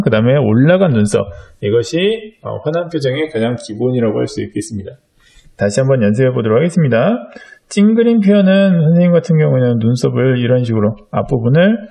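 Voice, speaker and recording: A man's voice: medium pitch, vocal fry, mellow. A middle-aged man teaching a drawing lesson to young children, explaining patiently step by step with frequent fillers. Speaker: art teacher.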